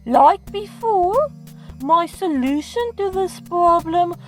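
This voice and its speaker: With music playing behind her, a South African woman narrates a scripted comedy storytime, dramatizing and mocking herself. Her voice is very high-pitched, expressive, and slow.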